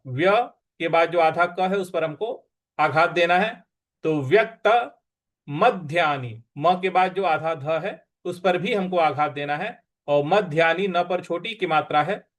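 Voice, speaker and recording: A man's voice: fairly high pitch, slow pace. A man teaching scripture, patiently spelling out syllables and stresses and chanting the verses. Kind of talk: slow recitation and explanation lesson.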